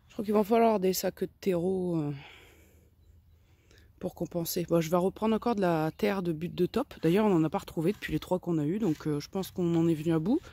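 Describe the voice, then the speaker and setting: Husky-voiced woman chatting about her hens. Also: fairly low pitch, a little fast, warm tone, no echo. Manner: chatty, explains step by step with many tag questions. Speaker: vlogger keeping chickens and a garden. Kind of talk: casual explanatory chat. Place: outdoors at a chicken coop and garden.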